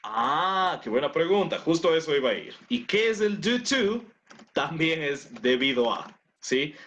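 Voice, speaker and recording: A man teaching an online English class, his voice rising and falling in a lively way. He explains words in with English examples and keeps asking whether the students follow. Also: fairly high pitch, a little slow. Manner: explains in Spanish and English, checks in with "¿no es cierto?".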